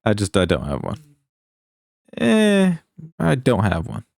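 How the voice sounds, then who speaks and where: Lively low-voiced young man bantering. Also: vocal fry. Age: young adult. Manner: quick, bantering retorts. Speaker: podcast co-host. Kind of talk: casual music review chat.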